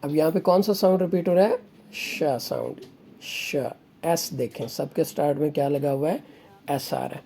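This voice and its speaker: A male teacher explains grammar in a mellow, relaxed tone. He poses questions to his students and answers each one himself, in a steady classroom manner. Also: fairly high pitch, creaky. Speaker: English teacher.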